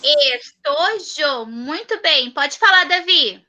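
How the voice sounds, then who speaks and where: A high, very bright woman with a Brazilian Portuguese accent leads an online class for young children. She speaks patiently, repeats each child's answer slowly and gives praise, heard through a computer mic on a video call. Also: lively intonation. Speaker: primary school teacher.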